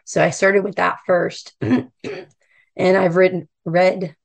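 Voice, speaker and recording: A woman from the United States with a hoarse, froggy voice, talking casually as a novelist being interviewed. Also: fairly low pitch, level tone, takes it slowly. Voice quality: croaky frog voice.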